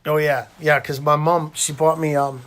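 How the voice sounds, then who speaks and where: A man's voice: a little high, level tone, normal speed, fairly bright tone. A middle-aged man with a Canadian accent, talking casually and colloquially in a rambling storytelling way as he hosts. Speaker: interviewer and host recounting own hospital stay.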